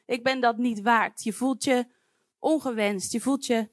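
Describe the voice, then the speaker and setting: A woman's voice: a little high, fairly even intonation, measured pace, no room sound, studio quality. A woman preaching a sermon to her congregation, earnest and pleading, speaking directly to her listeners.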